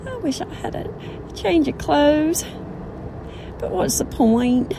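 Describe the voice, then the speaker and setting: A woman's voice: high-pitched, takes it slowly, gravelly, background noise. A woman delivering a dramatic, confiding monologue, with music and other sound behind her.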